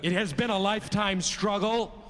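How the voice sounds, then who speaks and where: A man's voice: high voice, fairly even intonation, moderate pace, fairly bright tone. An actor playing an intense male salesman delivering a grandiose, rousing speech, heard in a clip from a TV comedy. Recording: echoey hall with background noise.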